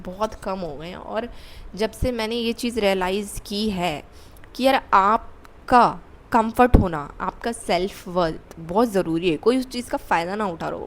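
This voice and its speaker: A woman's voice: mid-range voice, a little hiss or hum. A young woman vlogger telling a candid personal story, repeating words for emphasis. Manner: candid, confessional, with emphatic repetition.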